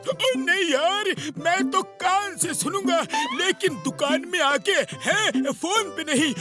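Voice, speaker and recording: A friendly cartoon doctor teases his pal in a very high, chummy voice. Cartoon music plays clearly behind him. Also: takes it slowly.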